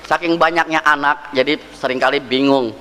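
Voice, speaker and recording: High bright-voiced male preacher in a hall. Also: fairly even intonation, normal speed, slight background noise. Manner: rhetorical questions, addresses congregation directly; jokey, acts out dialogue. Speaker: pastor. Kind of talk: preaching sermon with humor. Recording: reverberant hall.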